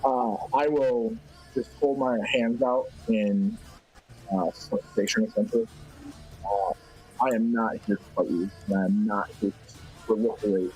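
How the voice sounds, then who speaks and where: A man with a slightly low voice speaks haltingly in character during an online tabletop session. His mic turns everything muffled and bass-heavy, with the highs lost. Faint music sits behind him. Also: steady tone, a little mellow. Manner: hesitant, with frequent "uh" fillers. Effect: muffled, bass-heavy mic sound. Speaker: tabletop game player.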